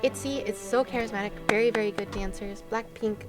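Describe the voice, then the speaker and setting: With a medium pitch, a steady tone and a fairly quick pace, a young woman hosting a livestream chats with viewers over a game. Her manner is playful and giggly, punctuated by exclamations, and game music plays underneath.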